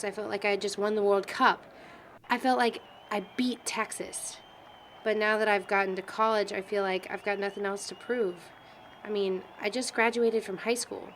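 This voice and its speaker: Playing a chatty college student in an indie film, a young adult woman speaks in a medium-pitched, everyday-sounding voice with a teasing, informal manner that comes across candid and unsure. The naturalistic amateur dialogue is captured in a rough recording with a little hiss or hum.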